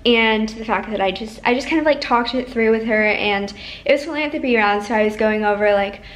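Bubbly young American woman, higher-pitched voice. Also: fairly quick, low-quality recording. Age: young adult, around college age. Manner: bubbly sorority-girl chattiness, peppered with "like". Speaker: vlogger, student going through sorority recruitment. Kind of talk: casual chatty vlog to camera. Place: small bedroom or dorm room, indoors. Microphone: camera mic at arm's length.

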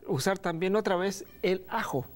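A middle-aged man presenting a recipe on a studio kitchen set, relaxed and pausing often with fillers. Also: high voice. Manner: relaxed, hesitant with many fillers. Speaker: cooking show host. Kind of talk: cooking demonstration.

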